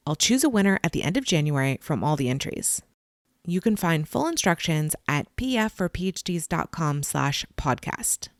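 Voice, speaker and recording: Female podcast host, lowish voice, crisp upbeat delivery, dry close mic. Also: no echo. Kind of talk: scripted podcast intro and interview.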